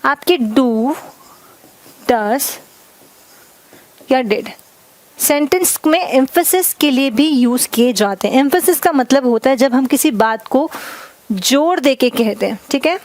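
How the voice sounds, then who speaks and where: A woman teaching grammar in Hindi. She dictates example sentences slowly word by word and keeps checking in with "ठीक है". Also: high voice, animated, darkish tone, dry recording. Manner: addresses viewers as "guys", repeats "ठीक है" often. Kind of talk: classroom grammar lesson.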